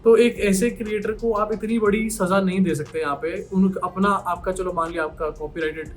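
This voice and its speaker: Earnest high-voiced young man. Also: fairly even intonation, normal speed. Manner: earnest, mixing Hindi and English. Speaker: YouTuber. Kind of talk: talking to camera.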